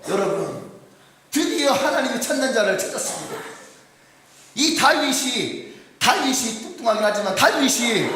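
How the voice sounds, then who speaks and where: A male pastor from South Korea delivering an animated sermon in a church, often asking the congregation questions. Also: high voice. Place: church sanctuary. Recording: very echoey hall, distant mic.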